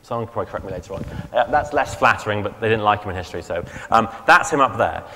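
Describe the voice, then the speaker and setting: A man's voice: fairly low pitch, animated, very fast, sharp tone, in a large hall. A man preaching a sermon in a casual, conversational way, with fillers and restarts and questions to the congregation. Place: church.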